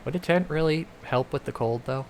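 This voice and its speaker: A man's voice: on the high side, brisk, a little mellow, a little hiss or hum. A man hosting a game livestream with casual commentary, reading bits of the game aloud. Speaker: streamer, host. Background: faint music.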